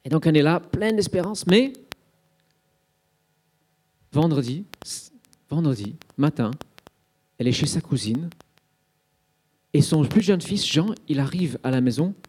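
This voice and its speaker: A man with a slightly high, lively voice delivers an Easter sermon at a measured pace, pausing often, his tone a little mellow with a breathy edge. He tells it as a vivid story, dramatizing the scenes and sprinkling in frequent fillers like "hein" and "euh."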